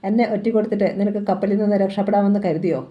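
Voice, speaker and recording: A woman's voice: medium pitch, fairly even intonation, rapid-fire, dull audio, natural voice. A woman voicing a cold, threatening male killer in a read-aloud crime novel, with a commanding, menacing delivery. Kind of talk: audiobook novel reading.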